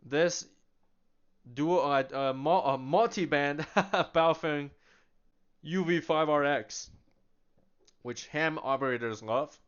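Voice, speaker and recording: A man with a somewhat high, slightly bright, clean voice casually demonstrates walkie-talkies, speaking slowly with long pauses. As a chatty product demonstrator, he asks himself rhetorical questions and answers them, with small laughs and restarts. The sound is slightly dull and lo-fi.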